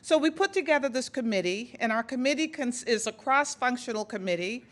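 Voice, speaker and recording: A woman's voice: fairly high pitch, animated, fairly quick. Boston-accented woman presenting an award. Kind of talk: prepared speech at a podium.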